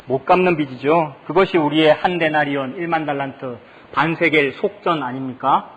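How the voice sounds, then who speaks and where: A man's voice: fairly high pitch, moderate pace, a bit bright. A male pastor preaching a sermon. He often asks the congregation questions. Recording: long reverb of a church hall.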